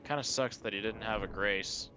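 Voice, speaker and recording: A man chatting excitedly and casually while playing a co-op game. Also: fairly low pitch, normal speed, slight background noise. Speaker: streamer playing co-op. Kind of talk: casual gaming chat.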